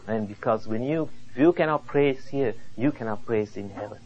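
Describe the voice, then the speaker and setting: A man preaching a sermon slowly and earnestly, rising into exhortations. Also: mid-range voice, a little mellow. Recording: dull lo-fi recording.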